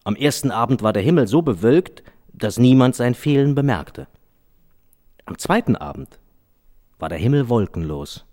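Expressive man reading a children's story. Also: mid-range voice, normal speed, long pauses. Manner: expressive, sing-song reading.

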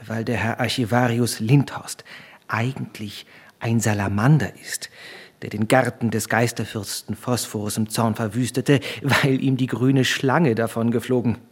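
A man's voice: medium pitch, steady tone, unhurried, husky. A man voicing a dreamy, unhinged young student who muses with rapture. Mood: whispering.

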